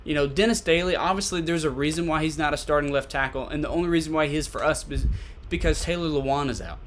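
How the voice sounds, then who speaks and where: A man's voice: a little high, fast, a little hiss or hum. A man giving casual solo sports commentary as a podcast host, conversational and repeating points for emphasis. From Tennessee, USA.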